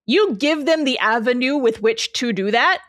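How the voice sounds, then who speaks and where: Woman, comic creator, casual podcast talk, animated, giggly, fairly high voice, dry recording. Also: dry recording. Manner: animated, laughs often, bursts of fast talk. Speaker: webcomic creator and podcast co-host.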